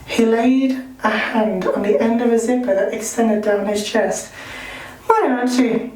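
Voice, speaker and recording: A man reading a novel aloud at a slow, measured pace. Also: high voice, fairly even intonation, a little mellow, a little hiss or hum. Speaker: reader. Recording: roomy sound, distant mic.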